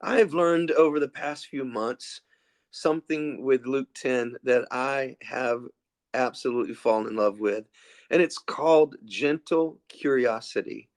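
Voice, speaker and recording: A man's voice: mid-range voice, unhurried. A man co-hosting a podcast, talking casually and restarting phrases. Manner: casual, chatty, some restarts. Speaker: podcast co-host. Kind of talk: podcast interview.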